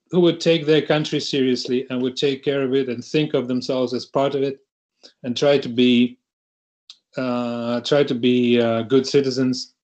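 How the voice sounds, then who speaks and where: A middle-aged man from Russia joins a panel by video call, his speech halting and full of restarts. His mid-range voice sounds a little mellow, with the high frequencies cut off.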